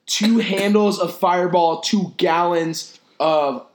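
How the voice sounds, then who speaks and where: Rambling young man in an echoey room. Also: high-pitched. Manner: rambling storyteller, quick asides. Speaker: podcast co-host. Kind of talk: casual podcast banter.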